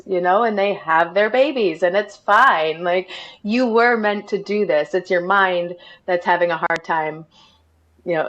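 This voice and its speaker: Chatty woman host with muffled audio. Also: mid-range voice. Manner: chatty, many fillers like "you know". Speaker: podcast host. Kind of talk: casual interview chat.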